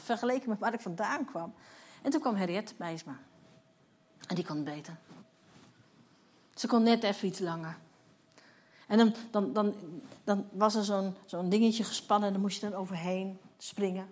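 A woman in her fifties, a church leader with a mid-range, darkish voice, gives a personal testimony sermon, vividly telling her story and acting out the dialogue.

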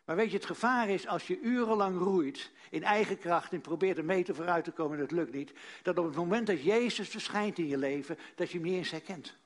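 A man preaching a sermon, earnest, repeating key phrases and dropping to a hush for emphasis. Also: high voice, fairly quick.

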